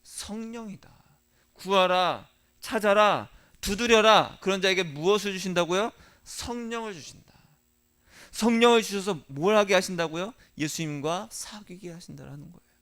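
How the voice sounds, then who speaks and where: In a high-pitched voice at a moderate pace, a male pastor gives a Sunday sermon. He moves from soft, quiet lines to emphatic ones and asks the congregation rhetorical questions.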